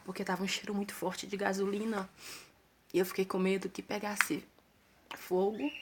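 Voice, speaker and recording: Young brazilian woman, earnest storytelling, a bit of fry in her voice, faint hiss behind. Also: mid-range voice. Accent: Brazilian Portuguese. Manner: earnest, plain-spoken, with small restarts and repeated words. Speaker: vlogger telling her own story. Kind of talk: personal storytelling to camera.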